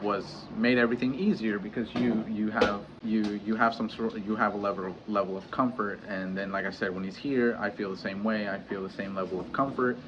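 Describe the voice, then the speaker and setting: A man in his thirties talking candidly in a personal vlog, pausing often and restarting his sentences. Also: on the low side, steady tone. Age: 30s. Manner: hesitant, halting, many restarts and fillers. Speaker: vlogger. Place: home in Mexico. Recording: dull lo-fi audio with clear background noise.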